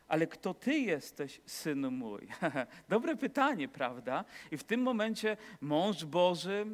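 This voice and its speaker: A man preaching a sermon, telling stories with humor and asking the congregation rhetorical questions. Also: on the high side. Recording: long reverb of a large hall.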